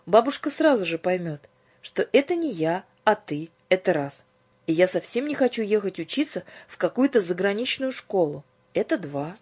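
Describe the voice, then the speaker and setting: A woman voicing a sensible, principled teenage girl who speaks firmly and reasonably, with a breathy voice. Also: medium pitch, very animated, normal speed, darkish tone. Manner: firm and reasonable.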